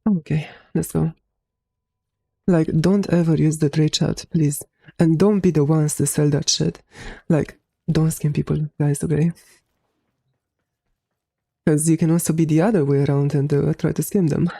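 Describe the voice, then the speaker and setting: Young woman game streamer; slightly hoarse, gravelly, warm tone; laid-back chat with a few swear words. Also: low voice, fairly even intonation, a little slow, long pauses, no room sound. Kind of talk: casual live-stream chat.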